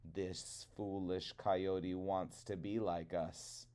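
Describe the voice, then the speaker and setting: Man as a low, sly old crow. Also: flat delivery, drawn-out words, dark tone. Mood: sly, quiet. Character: sly old male crow, leader of the flock. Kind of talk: trickster tale character voice.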